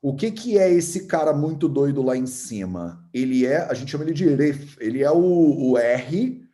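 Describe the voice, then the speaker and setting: Male Carioca teacher, chatty and patient, mellow voice, roomy echo. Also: mid-range voice, animated, normal speed. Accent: Carioca Brazilian Portuguese. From Rio de Janeiro, Brazil. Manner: chatty, explains patiently, repeats sounds aloud. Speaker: Ayurveda and Sanskrit teacher. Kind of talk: casual online lesson.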